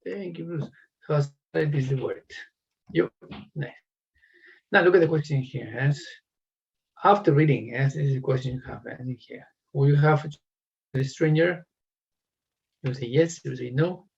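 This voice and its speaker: A man's voice: fairly high pitch, normal speed, gravelly, long pauses, husky, muffled recording. A man teaching an English class, encouraging students and calling on them by name.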